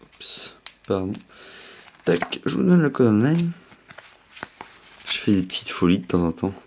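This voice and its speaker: A man with a slight lisp hosting a casual unboxing, chatting in an excitable way. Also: on the low side, normal speed, a little hiss or hum. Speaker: host of a card pack opening video.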